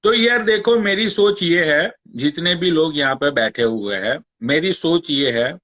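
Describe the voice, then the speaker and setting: A man's voice: a little high, animated, measured pace, pushed and bright. A man hosting a live stream, ranting sarcastically and taunting a rival, swearing often. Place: Long Island, New York.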